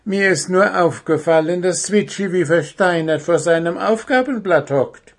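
A man's voice: sits high, normal speed, voice pushed up. A man voicing an earnest little male owlet at a forest school, speaking in an eager, pleading way.

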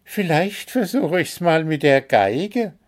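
A man's voice: high voice, expressive, slow, creaky, a little mellow, voice pushed up, full character voice. A man voicing an earnest, musing male would-be musician in a storybook.

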